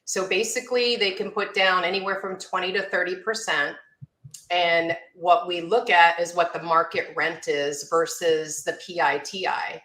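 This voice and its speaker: A woman's voice: fairly low pitch, fairly even intonation, moderate pace, fairly bright tone. A woman, a mortgage loan officer, explaining loan terms in a matter-of-fact way as an interview guest. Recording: roomy echo.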